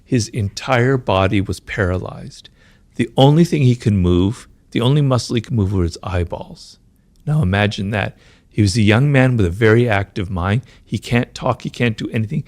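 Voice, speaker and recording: A man answering interview questions, explaining at length, talks fast and keeps checking in with "right?" and "you know". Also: fairly low pitch, a little mellow, no room sound. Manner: talks fast, says his mind races. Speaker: author being interviewed.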